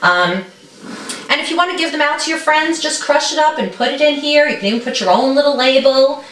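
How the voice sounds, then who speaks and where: A woman's voice: high voice, lively intonation, fairly quick, a bit bright, recorded from a distance. Woman, chatty co-host, encouraging, home kitchen, echoey room, mic set back. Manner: chatty, encouraging, keeps checking in with "okay?". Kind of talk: casual cooking demonstration.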